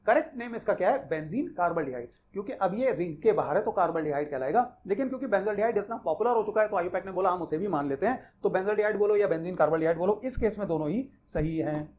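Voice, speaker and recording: A man's voice: high voice, animated, fast, few pauses, a little mellow, slight background noise. A man teaching chemistry, explaining naming rules in a conversational way and repeating the key points for students. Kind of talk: explaining IUPAC naming in a Hindi-English mix.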